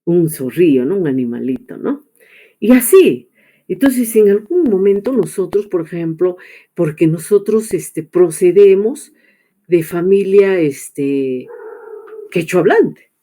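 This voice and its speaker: Lady teaching online, slow, keeps pausing and checking in with the class. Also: lowish voice, animated, mellow. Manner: hesitant, many filler pauses and tag questions.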